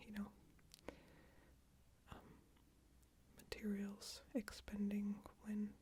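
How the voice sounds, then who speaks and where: A woman murmurs a soft ASMR bedtime ramble in a hushed, breathy whisper. Her delivery is slow and very even, with a hesitant, self-deprecating casualness. There is faint noise with occasional small crackles behind her. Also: medium pitch. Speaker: ASMR video creator. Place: small closed room with screens and a PC. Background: occasional crackling from screens and PC.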